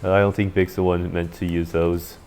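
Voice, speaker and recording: A man's voice: low-pitched, level tone, a little mellow. Dopey-sounding man rambling over game music. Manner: rambling, halting, repeats himself. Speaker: gameplay commentator. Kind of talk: casual playthrough commentary. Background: video game music.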